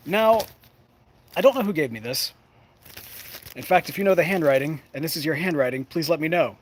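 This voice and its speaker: A man chatting casually to camera as a show host, folksy and playful, often rambling and breaking off mid-thought. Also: fairly high pitch. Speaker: host of a pipe smoking show. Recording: clear background noise, ambient sound.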